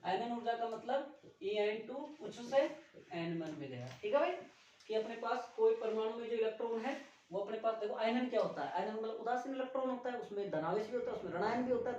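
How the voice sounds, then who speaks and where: A man's voice: sits high, lively intonation, darkish tone. A male physics teacher lecturing and quizzing his class in a firm, scolding way. He is recorded from a distance in a very echoey room. The sound is dull and lo-fi, with a faint hiss underneath. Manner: scolding, brisk teacher calling students to stand. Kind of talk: classroom lecture with student questioning.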